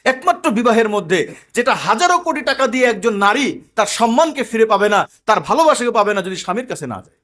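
A man's voice: high-pitched, very animated, quick pace, fairly bright tone. A man preaching an emphatic sermon to a gathering, telling everyday anecdotes.

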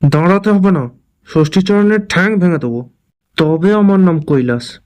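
A man's voice: high-pitched, normal speed, darkish tone, close to an everyday voice. A man voicing a hot-headed, threatening schoolboy in a story reading. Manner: brash, threatening.

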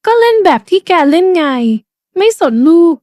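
A woman voicing a bossy, tipsy wife who loudly mocks her drunk husband by acting drunk herself, taunting him with a slurring, rowdy delivery in a dry storybook reading. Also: very high-pitched, moderate pace, no echo, pitched above the performer's own voice. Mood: bossy mocking.

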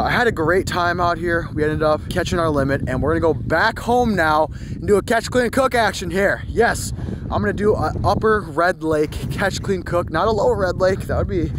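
A young man hosting an outdoor fishing vlog, talking in a chatty, upbeat and excitable way into an action camera. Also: sits high, noisy background. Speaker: host. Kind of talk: casual outdoor vlog narration. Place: ice fishing shelter and open frozen lake, later a home kitchen. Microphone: handheld or body-worn action camera.

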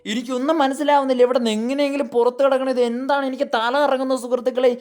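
A woman's voice: a little high, darkish tone. A woman giving dramatic, exclaiming gameplay commentary in character, constantly talking to her viewers. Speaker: gaming YouTuber.

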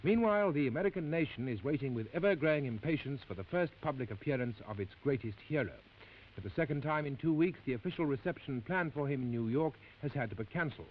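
A man's voice: mid-range voice, expressive, natural voice. An actor playing a formal male newsreader. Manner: crisp, measured news delivery. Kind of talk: 1950s television drama. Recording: dull lo-fi 1950s TV audio with faint hiss.

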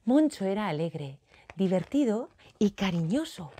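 A woman's voice: medium pitch, a little slow, slight background noise. Playful storytelling woman. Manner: playful, animated, talks to the child directly. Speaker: children's author and storyteller. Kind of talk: storytelling for children.

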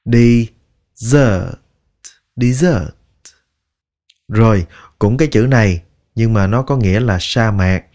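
Slow, deliberate male pronunciation teacher. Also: lowish voice, a little mellow. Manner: drills each word slowly, repeating it many times.

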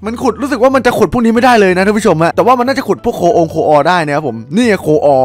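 Excitable young man, high lively voice. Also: racing, faint music behind. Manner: excitable, loud outbursts and crude jokes. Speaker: gaming YouTuber. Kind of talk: casual game commentary.

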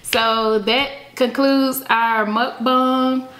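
A woman's voice: fairly high pitch, fairly even intonation, takes it slowly, a bit bright. Woman vlogging at home, chatty and upbeat, lots of ums, echoey room. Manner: chatty, upbeat, filler-heavy. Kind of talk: casual mukbang chat. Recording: echoey room with faint hiss.

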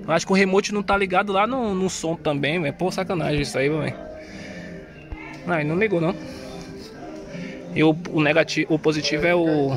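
A Brazilian-accented man speaks fast in a fairly high, fairly even voice, pausing often, with music in the background. Inside a car he's installing a sound system and working the wiring, filming on a phone and narrating casually in slang as he thinks aloud.

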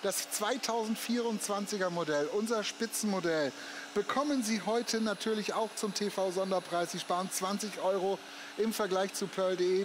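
A man giving an upbeat, folksy infomercial sales pitch as a teleshopping host, speaking off the cuff. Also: background noise.

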